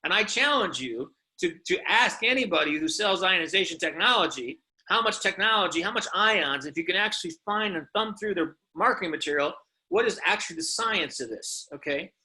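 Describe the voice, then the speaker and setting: On a rough recording, a man with a high voice and lively intonation speaks briskly, his tone bright and forceful. He's a company presenter making an informal product pitch, emphatic and insistent, often posing rhetorical questions.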